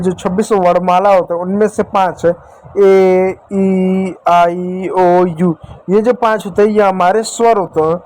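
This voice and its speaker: A man's voice: sits high, darkish tone. A man teaching a beginner language lesson to children, repeating his points and stretching out letter sounds. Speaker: English teacher. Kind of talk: classroom-style lesson.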